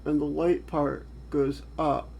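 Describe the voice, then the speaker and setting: A woman's voice: low voice, little pitch movement, slow pace, creaky, dark tone, a little hiss or hum. A young adult woman streaming a first-time webcomic reading, talking casually and puzzling things out aloud. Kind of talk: live-stream reading reaction.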